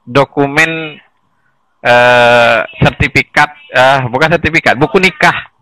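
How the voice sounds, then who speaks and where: A man with a bright, clear-edged voice explains things in a relaxed conversational way, often chuckling and restarting his sentences. He is recorded dry and close, with no room echo. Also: mid-range voice, slow. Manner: animated, chuckles between points, restarts mid-sentence. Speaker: guest explaining village data administration.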